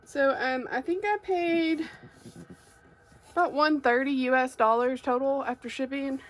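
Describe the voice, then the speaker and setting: A woman's voice: sits high, steady tone, unhurried. A woman with an Arkansas Southern accent chats casually and a little hesitantly as she hosts an unboxing video, recorded on an overhead phone. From Arkansas, United States. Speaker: craft creator, unboxing host. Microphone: phone mounted overhead on a clamp.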